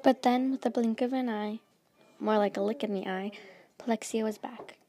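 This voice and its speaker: A woman's voice: mid-range voice, steady tone, normal speed, dark tone. A woman reading her own fan story aloud in a plain, unpolished way. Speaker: story reader.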